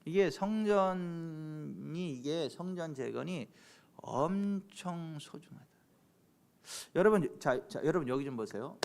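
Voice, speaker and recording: A man preaching a sermon in church as pastor, questioning members of the congregation by name and moving between loud exclamations and hushed low passages. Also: animated, takes it slowly, vocal fry. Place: church sanctuary.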